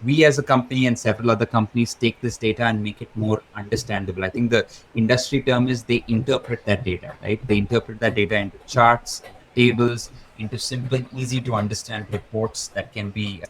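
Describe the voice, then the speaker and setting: A man with a fairly low voice talks as a podcast guest, laying out his points in fluent, methodical lists. A faint background noise sits under the recording. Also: steady tone, a little fast, low-quality recording. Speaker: guest, crypto research lead. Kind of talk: explanatory interview talk.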